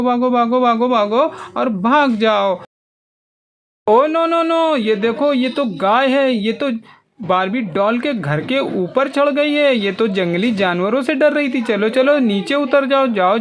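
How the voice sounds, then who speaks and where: A man narrating a toy play story for children in an animated, coaxing way, with lots of exclamations. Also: extremely high pitch.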